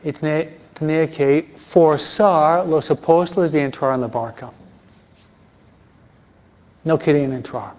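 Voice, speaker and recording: A man's voice: on the high side, unhurried, long pauses, darkish tone, highs cut off. A man preaching a sermon in a conversational way, often asking his listeners questions. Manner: conversational, asks the audience questions.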